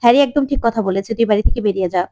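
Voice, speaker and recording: A woman's voice: mid-range voice, racing, mellow, no room sound, natural voice. A woman voicing a cold, contemptuous middle-aged aunt. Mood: sneering.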